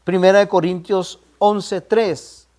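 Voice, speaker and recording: A man's voice: high voice, fairly even intonation, slow pace, a little mellow. A man teaching a Bible class, stressing his points by repeating them and prompting listeners with questions. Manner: emphatic, repeats key points.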